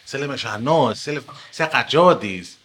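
A young man speaking Greek with a broad Paphos Cypriot accent, his voice bright and forward. He tells his career story as a podcast guest, leaning on words and swinging up and down as he goes. It sounds like relaxed, friendly conversation. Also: medium pitch. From Paphos, Cyprus. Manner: animated, emphatic storytelling. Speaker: TV journalist guest. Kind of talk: casual podcast interview.

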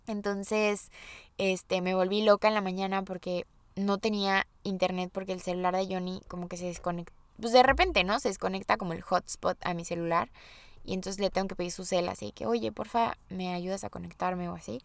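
A young woman with a Mexican accent chats on her own podcast in a loose, confiding way, slipping into little performances of the lines she quotes. Her voice sits at a middle pitch. The sound is dry and close, with no room around it. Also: steady tone, brisk, no echo. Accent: Mexican Spanish. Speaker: podcast host. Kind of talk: casual personal monologue.

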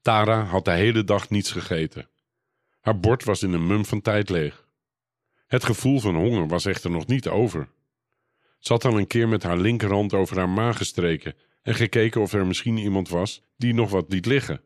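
Male storybook narrator, low voice, calm even read, dry close sound. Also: normal speed, no room sound.

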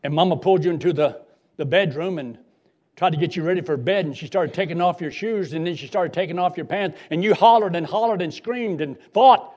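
Male storyteller as young son in a sermon anecdote: earnest, hurried, run-on recounting. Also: on the high side, a little mellow, close to an everyday voice. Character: young son earnestly recounting his drunken father's antics.

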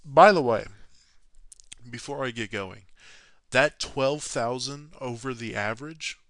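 A medium-pitched man, slightly slow and a bit bright, reads a sports history tale from a script with no room sound. He mocks himself sarcastically, curses often and throws in jokey asides.

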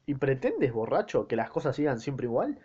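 An Argentine man voicing a fierce, sharp-tongued wife, scolding and accusing, in a slightly muffled recording. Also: mid-range voice, sing-song, normal speed, husky.

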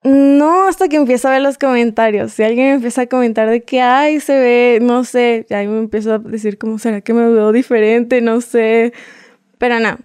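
A woman's voice: on the high side, steady tone, moderate pace, darkish tone, clean tone, dry recording, studio quality. A young woman with a Mexican accent, chatting shyly and giggly as an interview guest. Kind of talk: casual interview chat.

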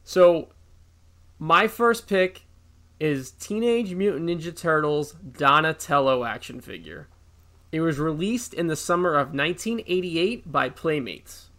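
A man in his thirties co-hosts a podcast and tells casual anecdotes. His voice is bright and fairly high for a man, and he is animated and profane, acting out the quotes. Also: unhurried. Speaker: podcast co-host. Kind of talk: casual storytelling chat.

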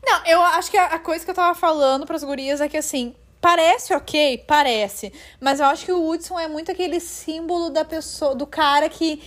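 A woman's voice: sits high, a little fast, few pauses, fairly bright tone. A woman, chatting casually and explaining at length. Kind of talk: casual discussion.

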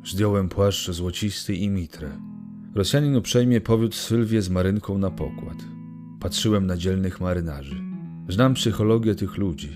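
A man narrating a literary story in a measured, solemn reading. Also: sits low. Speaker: audiobook narrator. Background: guitar music.

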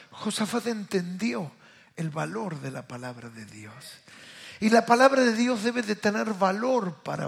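A man with a Rioplatense accent preaching a passionate sermon, rising to loud calls and then dropping to hushed asides. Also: high voice, vocal fry. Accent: Rioplatense Spanish. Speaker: pastor.

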